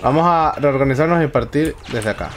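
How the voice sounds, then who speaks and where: A young man giving excitable let's play commentary, swearing often and talking to himself. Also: medium pitch, fairly quick. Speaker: gaming YouTuber.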